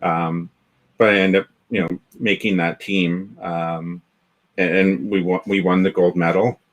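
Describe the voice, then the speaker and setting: A man's voice: sits low, level tone, a little slow, low-quality recording. A Canadian man talking as a guest on a video-call interview, rambling with many restarts and fillers. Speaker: guest, developer community founder. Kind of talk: casual interview chat.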